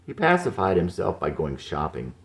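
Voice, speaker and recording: A man narrating an audiobook novel with an expressive, varied delivery. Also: low-pitched, moderate pace.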